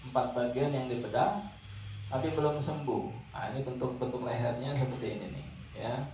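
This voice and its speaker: A man gives a training lecture on back massage, lively and rhetorical, often quizzing his audience. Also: mid-range voice, moderate pace. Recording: echoey hall, distant mic, dull, faint noise.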